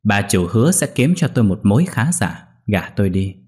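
A man's voice: on the low side, normal speed, lightly acted. A man voicing a scheming young maid who mocks her former sweetheart. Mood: mocking. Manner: mocking, clear ringing voice.

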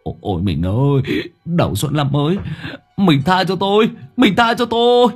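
Guy putting on a frantic old bald man, high wailing voice, kinda husky. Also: animated, moderate pace, soft background music. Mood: pleading.

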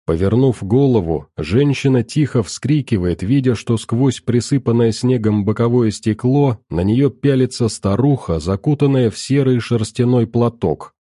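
A man reading a horror story aloud in a measured, even narration. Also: medium pitch, no echo, studio quality.

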